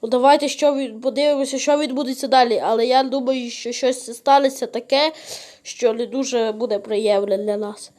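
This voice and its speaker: A woman's voice: fairly high pitch, steady tone, fairly quick, a little mellow. A woman giving reaction commentary to viewers, hesitant and full of fillers. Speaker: video reactor.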